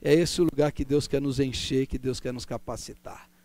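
A man preaching a sermon, impassioned and building repetitive lists that swing between raised exclamations and hushed low passages. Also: steady tone, moderate pace.

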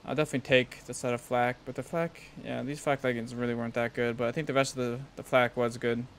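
A man's voice: mid-range voice, little pitch movement, fast talker, a little hiss or hum. A young man giving casual gameplay commentary in slangy, sweary frat-bro talk. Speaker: gaming video host.

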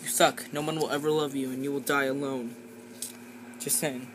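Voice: mid-range voice, level tone, normal speed, background noise, close to an everyday voice. A young voice actor playing a mouthy, bickering object-show contestant in an amateur cartoon. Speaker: voice actor for many characters in a fan-made object show.

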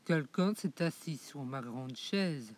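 A woman voicing a big grumpy father bear in a children's storybook, grumbling in a deep put-on voice. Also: animated, slow, a little mellow, heavily acted. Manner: grumbling, displeased.

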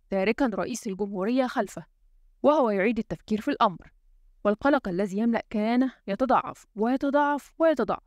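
Woman reading an audiobook novel, quick and dramatic, dry close sound. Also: a little high, no echo. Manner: brisk, dramatic storytelling. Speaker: audiobook narrator. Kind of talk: scripted novel narration.

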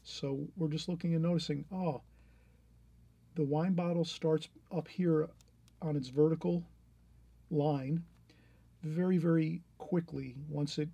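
A middle-aged male art teacher thinks aloud while drawing during a painting tutorial, encouraging and rambling with many restarts. His voice sits fairly high with fairly even intonation, mellow and husky, with vocal fry. He takes his time and leaves long pauses.

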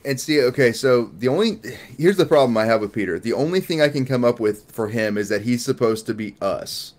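A man's voice: medium pitch, expressive, brisk, a little mellow. A man co-hosting a casual movie review chat, blunt and rambling, swearing freely and answering his own rhetorical questions. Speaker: podcast co-host.

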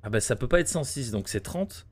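A man's voice: medium pitch, lively intonation, fairly quick. Male streamer, thirties, mid-range voice, offhand live gameplay commentary, thinking aloud and addressing chat. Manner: muttering to himself and addressing chat. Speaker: game streamer.

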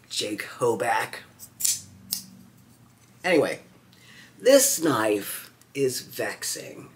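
A man reviewing knives at home in a casual vlog, wry and campy with chatty asides. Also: mid-range voice. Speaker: knife reviewer.

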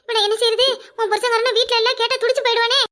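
A woman's voice: very high voice, little pitch movement, rapid-fire, pushed and bright. A woman voicing a bossy, caring older neighbour who fusses and scolds with practical concern. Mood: worried bustle.

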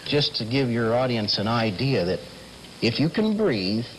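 Appearing as a guest in a TV studio interview, a middle-aged American telephone company specialist explains at an unhurried pace. His medium-pitched voice is very animated. The lapel mic audio has slightly noisy vintage TV sound.

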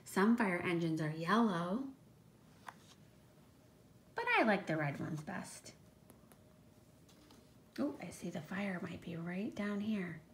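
Slow, with long pauses, a woman teacher with a fairly low voice reads a picture book to young children against slight background noise. She's emphatic and speaks directly to the kids, adding questioning asides that explain the story.

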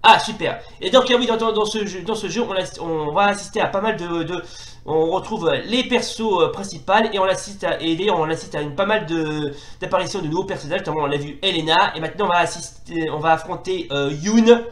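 A man giving live commentary on a retro fighting game, hesitant and full of fillers, bursting into excited exclamations during the fights. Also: high voice, a little fast. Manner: hesitant, many fillers and restarts. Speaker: retro gaming video host. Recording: roomy echo.

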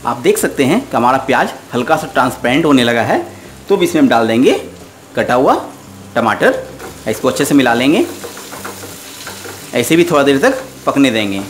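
A man's voice: medium pitch, big pitch swings, normal speed, long pauses, faint music behind. A man hosting a cooking show, patiently talking viewers through a recipe step by step as he cooks at home. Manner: patient, instructive, addresses viewers directly. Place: home kitchen at the stove.

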